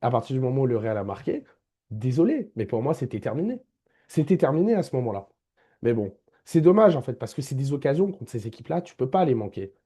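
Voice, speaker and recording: A man's voice: mid-range voice, very animated, quick pace, warm tone, breathy edge. A man giving a casual football match debrief as a vlogger, emphatic, repeating his key points and addressing viewers directly.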